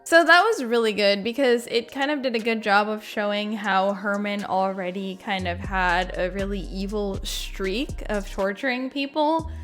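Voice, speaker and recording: A woman who creates gaming videos gives casual, informal reaction commentary on video clips, rambling and leaning heavily on filler words like "like." Her mid-range voice is a bit bright, at normal speed with few pauses, and faint music plays behind her.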